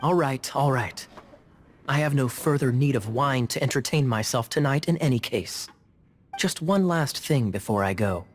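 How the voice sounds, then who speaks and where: A man's voice: mid-range voice, normal speed, slight background noise, lightly acted. Kaeya, a man playing a sly, teasing knight. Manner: smooth, teasing, amused.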